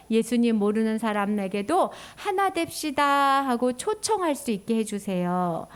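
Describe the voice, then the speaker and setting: A woman minister giving an animated children's sermon, sing-song and sometimes dropping to a whisper. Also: on the high side.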